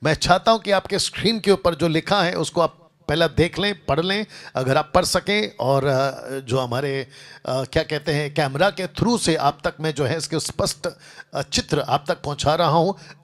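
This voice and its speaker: A man's voice: fairly high pitch, moderate pace, fairly bright tone. A male pastor making announcements and starting a sermon, talking to a seated group and to viewers online. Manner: speaks to a seated group and a livestream audience, repetitive lists.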